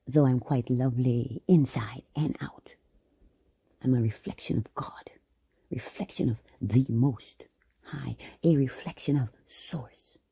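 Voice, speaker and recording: Super deep slow woman voice, husky, kinda whispery and grand, dry sound. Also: mellow, no echo. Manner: grandiose, drifting into whispers and rants. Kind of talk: rambling spoken monologue.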